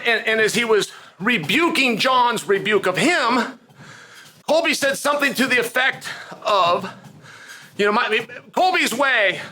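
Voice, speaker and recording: An American man talks through his opinions as a combat sports commentator. His voice sits very high for a man and has a bright, forceful edge. He tells stories emphatically, repeating phrases and tossing out rhetorical questions. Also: slight background noise. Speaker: sports commentator hosting a talk vlog.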